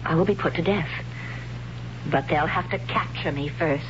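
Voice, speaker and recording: A woman's voice: sits low, normal speed, lightly acted. An actress playing Flower, a devoted and fearful young woman of a future tribe in an old radio drama. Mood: earnest. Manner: hushed, earnest. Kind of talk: 1970s radio drama acting. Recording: lo-fi old radio recording with hiss.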